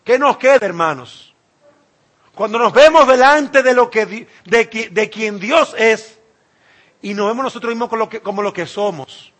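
Male preacher, high-pitched, emphatic sermon delivery, shifts from loud to hushed. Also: normal speed. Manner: emphatic, swinging between loud cries and hushed asides.

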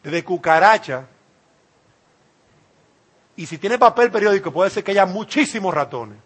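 Male preacher, high-pitched, emphatic sermon delivery, shifts from loud to hushed. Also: expressive, a little slow, breathy edge. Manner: emphatic, swinging between loud cries and hushed asides.

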